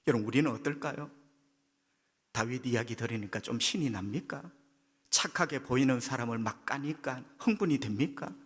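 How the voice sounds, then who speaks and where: A male pastor with a Gyeongsang accent preaching a sermon, leaping in pitch as he acts out quoted voices. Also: normal speed, slightly rough. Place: church sanctuary. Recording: long church hall reverb.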